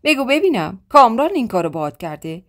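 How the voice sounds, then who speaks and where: A woman voicing a stern old village chief who gives orders in a loud, commanding way. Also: fairly high pitch, big pitch swings. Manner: shouting, commanding.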